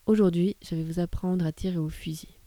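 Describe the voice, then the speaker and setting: Woman reading as a coaxing, matter-of-fact storybook man, dark mellow voice. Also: fairly low pitch, steady tone, a little fast, no echo, natural voice. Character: grown man recruiting children to fight.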